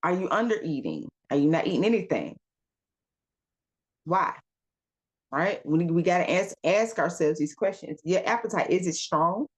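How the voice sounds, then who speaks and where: Wellness coach, woman, lowish voice, emphatic questioning delivery, casual. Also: expressive. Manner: asks rapid rhetorical questions, calls listeners y'all and baby. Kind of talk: casual self-help talk.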